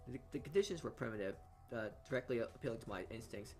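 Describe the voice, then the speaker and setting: A man reading visual novel narration in a let's play stumbles over words often while game music plays behind him. His medium-pitched voice is expressive and fast.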